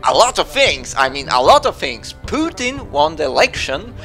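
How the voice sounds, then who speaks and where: A man's voice: a little high, big pitch swings, normal speed, a bit bright, faint music behind. A man with a Swedish accent, a native Swedish speaker, rambling through news commentary with many fillers and restarts. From Sweden. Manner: meandering, full of fillers and restarts.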